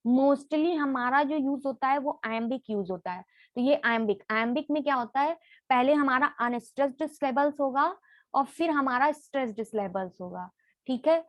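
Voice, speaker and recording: A young woman teaches literature terms for an exam, posing each question aloud and answering it right away. Her voice sits high. The sound is dry and close, with no room echo. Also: normal speed. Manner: repeats each point as a question and then answers it. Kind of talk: exam-prep lesson in Hindi mixed with English.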